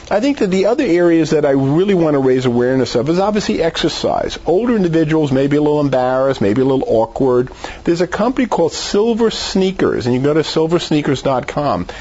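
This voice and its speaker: A man with a higher, mellow voice and cut-off highs speaks as a doctor and expert guest in an interview. He gives conversational advice in an emphatic, persuasive way, using rhetorical questions.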